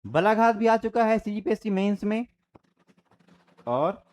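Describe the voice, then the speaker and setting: A man with a fairly high, very lively voice teaches an exam-prep grammar lecture. He keeps repeating his examples and throws quick questions back at the class. His delivery swings widely up and down as he drills each point. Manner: explains by repeating and quizzing students.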